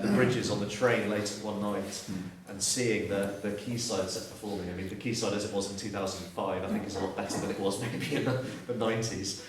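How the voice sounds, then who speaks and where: The audio is low quality: a distant mic, heavy reverb, and a little hiss or hum. Through it comes a lowish-voiced guest speaker in his thirties from Surrey, southeast England, whose Southern English accent carries an earnest, reflective personal story often broken by restarts.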